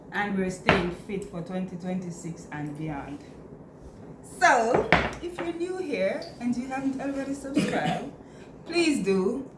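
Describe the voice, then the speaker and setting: A Jamaican woman in her middle years vlogs from a home kitchen, talking at an unhurried pace with playful, teasing humor. The room is echoey, with steady noise behind her. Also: mid-range voice. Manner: playful, laughing, teasing banter. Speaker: vlogger and Airbnb host. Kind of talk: casual kitchen vlog chat.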